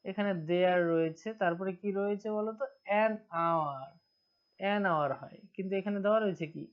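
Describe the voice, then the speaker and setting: A woman with a Bengali accent teaches English grammar in an online lesson, asking her students questions and then answering them herself. Her voice is smooth and on the low side, at a moderate pace, captured on a dull lo-fi recording.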